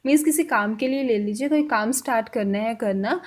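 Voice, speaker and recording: Language teacher: woman, high pitch, slow careful repeats of example lines. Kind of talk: spoken language lesson.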